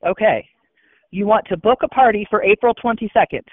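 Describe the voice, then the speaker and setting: A man answers a restaurant phone over a bad connection, his high voice coming through thin and tinny, like a phone line. He stays polite and patient, apologizing often. The sound is dry. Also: brisk, no room sound. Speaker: restaurant worker taking phone orders. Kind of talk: customer service phone call.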